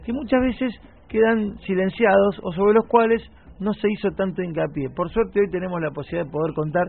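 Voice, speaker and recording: A man's voice: high-pitched, fairly quick, vocal fry. Argentine man chatting on the radio. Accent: Rioplatense Spanish. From Buenos Aires, Argentina. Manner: conversational storyteller, reminiscing. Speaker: radio host. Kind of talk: casual radio chat. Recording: tinny radio broadcast.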